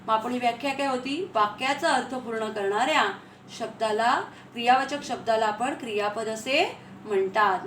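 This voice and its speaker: A woman teacher giving a grammar lesson, repeating key phrases slowly and asking her pupils questions. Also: on the high side, fairly bright tone. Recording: echoey room, faint ambient noise.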